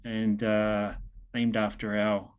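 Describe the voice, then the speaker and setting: A man's voice: fairly low pitch, monotone, takes it slowly, clean tone. Chatty New Zealand man presenting. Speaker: host and presenter. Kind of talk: informal presentation. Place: indoors on a video call. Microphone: video call microphone.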